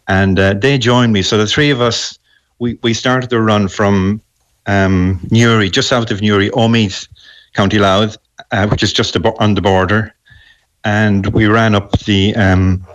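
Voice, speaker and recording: A man's voice: lowish voice, fairly bright tone. A middle-aged man from the west of Ireland with an Irish accent, chatting casually as a guest on a radio phone-in. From Galway, west of Ireland. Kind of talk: casual interview chat.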